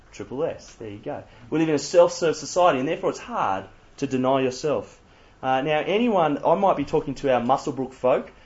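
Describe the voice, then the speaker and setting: Australian man giving a playful church talk. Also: mid-range voice. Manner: quizzes audience, playful asides. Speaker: youth speaker. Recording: slightly muffled lo-fi recording.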